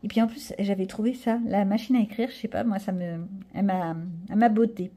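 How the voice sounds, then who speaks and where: A woman's voice: medium pitch, a little fast, warm tone. A middle-aged woman chatting casually to her viewers as she shows off a haul, rambling with self-mocking asides. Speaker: vlogger showing a coloring-book haul. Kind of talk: casual chat to camera.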